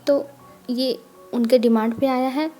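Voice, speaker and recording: A woman telling a fan fiction story in a chatty, casual way, speaking to her viewers as friends. Her voice is high, with a dark, mellow tone. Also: steady tone, unhurried, soft background music.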